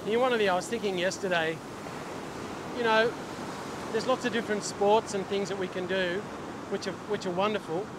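Waves, surf and wind fill the background as a middle-aged Australian fishing vlogger teaches casually to camera on an open ocean beach. His fairly high-pitched male voice runs a little fast but includes long pauses, in a relaxed instructional style.

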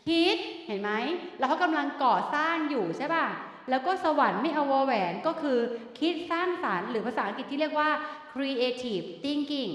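A middle-aged woman teacher running a lively classroom quiz game, coaxing students and calling them "child". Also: sits high. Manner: animated, coaxing students, calls them "ลูก". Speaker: university teacher. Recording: echoey hall, long reverb.

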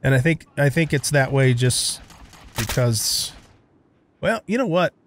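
A man's voice: medium pitch, animated, measured pace, slight background noise. A man giving casual gameplay commentary, musing aloud in a rambling way. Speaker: gamer narrating a let's play.

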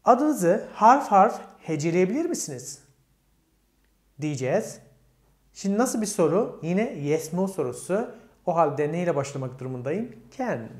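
A man's voice: high-pitched, sing-song, measured pace, darkish tone. Turkish-accented man teaching in an echoey room. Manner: asks questions and answers them himself. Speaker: English teacher. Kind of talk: explaining grammar step by step.

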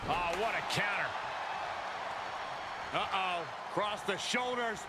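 A man's voice: sits high, takes it slowly. A man playing an earnest wrestling commentator in a video game, analysing the action in announcer phrasing. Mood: excited. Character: earnest male pro wrestling commentary partner. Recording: game audio under loud arena noise.

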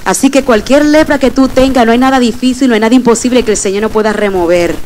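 Young woman preacher delivering an emphatic sermon with testimony, voice a little high. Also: fast talker, darkish tone, slight background noise, low-quality recording. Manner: emphatic, addresses the congregation directly.

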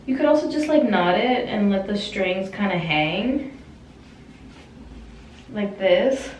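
A woman's voice: mid-range voice, lively intonation, slow, darkish tone, recorded from a distance. Chatty young woman in an echoey bathroom. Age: young adult. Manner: informal, rambling. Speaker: vlogger. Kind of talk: casual chatty vlog update. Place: small closed bathroom, indoors. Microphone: camera a short distance away. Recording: echoey bathroom, some background noise.

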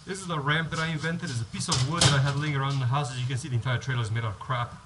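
Racing along in a steady, mid-range voice, a man gives a casual how-to vlog over heavy background noise. He's outdoors on a home driveway by a garage, wearing a head-mounted action camera, rambling, restarting sentences and explaining step by step.

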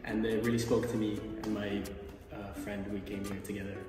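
Young Dutch man, low flat voice. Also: fairly quick, very echoey, in a large hall, recorded from a distance, over music. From Netherlands. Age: young adult. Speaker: school intern. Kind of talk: casual interview to camera.

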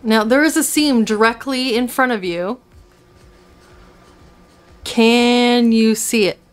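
A woman's voice: a little high, slow, no echo. A young woman chatting casually through a home DIY project, with lots of ums and likes and frequent little laughs. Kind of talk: casual DIY tutorial chat. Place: home kitchen.

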